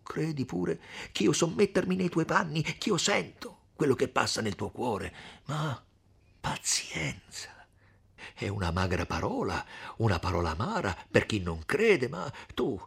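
A man playing a gentle, gravelly old friar. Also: fairly high pitch, pitched above the performer's own voice, heavily acted. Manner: gentle, solemn, earnest. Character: kindly elderly friar, earnest and consoling.

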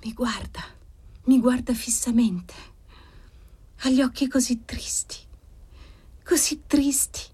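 A woman's voice: high voice, very animated, a little slow, pitched above the performer's own voice. A woman voicing a terrified young woman who sees a ghost, trembling, breathless and pleading. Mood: frightened.

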